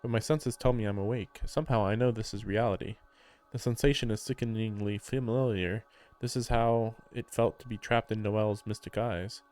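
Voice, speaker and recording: A man's voice: on the low side, fairly even intonation, normal speed, a little mellow. A man reading visual novel text aloud and breaking into chatty, laughing commentary. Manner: reads text plainly, then breaks into chatty, laughing asides. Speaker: let's player.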